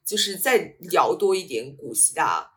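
A woman's voice: deep voice, big pitch swings, unhurried. A woman co-hosting a podcast, chatting about books and thinking aloud with many fillers. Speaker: podcast co-host. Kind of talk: casual book chat.

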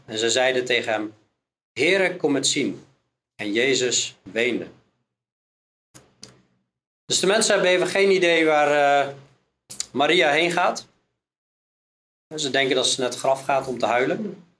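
A man's voice: medium pitch, expressive, a little slow, pauses often, fairly bright tone. A man with a Dutch accent preaching a sermon, reading Bible verses aloud and explaining them one by one. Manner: reads scripture aloud, then explains it verse by verse.

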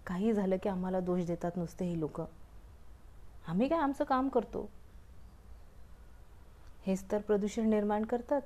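A woman voicing a grumbling, indignant male rain cloud who talks loudly and scolds. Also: mid-range voice, normal speed, long pauses, lightly acted. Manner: loud, complaining and scolding.

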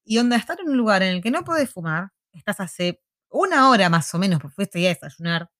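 A young woman with an Argentine accent, chatting casually and telling a story with animated, acted-out quotes. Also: medium pitch, fairly quick, dry recording, studio quality. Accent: Argentine Spanish. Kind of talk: casual chat.

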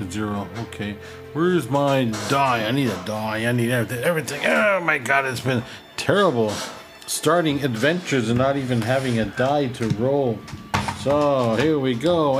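A man playing a tabletop game, chatting casually and thinking aloud in short, choppy phrases. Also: medium pitch.

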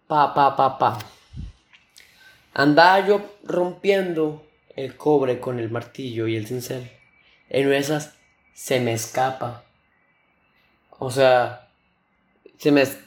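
A young man with a Mexican accent telling stories on his solo podcast in a slangy, animated way, imitating sounds with his mouth. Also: mid-range voice. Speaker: podcast host. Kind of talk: casual solo podcast storytelling.

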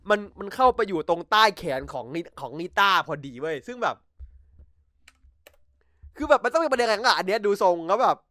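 A man hosting a casual podcast over a voice chat call, recapping episodes with lots of excitement, slang and swearing. His pitch swings widely as he talks. The sound is dry and close, with no room echo. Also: brisk, long pauses. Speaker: podcast host. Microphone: computer mic over voice chat.

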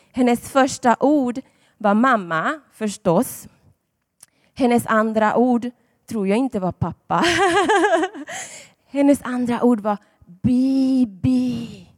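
A woman's voice: a little high, darkish tone. A woman preaching a sermon to a congregation, telling personal stories in a chatty way with dramatic emphasis. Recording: long hall reverb.

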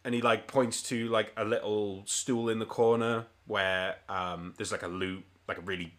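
A man serves as game master for a tabletop role-playing session. His voice is bright and forward. He describes each scene in a loose, rambling way, with plenty of "like" and "um" along the way. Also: lowish voice, fairly even intonation, normal speed. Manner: rambling, filler-heavy description.

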